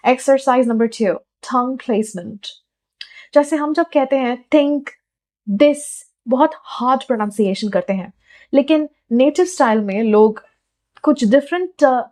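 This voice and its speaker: A young woman teaching an accent lesson, speaking deliberately and demonstrating each sound slowly. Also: fairly high pitch, a little mellow. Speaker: accent coach. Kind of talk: Hindi-English accent lesson.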